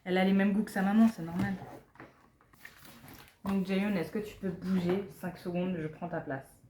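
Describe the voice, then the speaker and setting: A woman's voice: medium pitch, fairly even intonation, normal speed, mellow. Young woman, unboxing vlogger, chatty and giggly, mutters asides under her breath; roomy echo, faint noise behind. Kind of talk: casual unboxing chat. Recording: echoey room, faint background noise.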